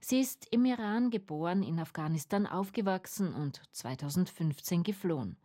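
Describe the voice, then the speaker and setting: Mellow-voiced female reporter. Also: on the low side, lively intonation, normal speed. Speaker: radio reporter. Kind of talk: scripted feature narration.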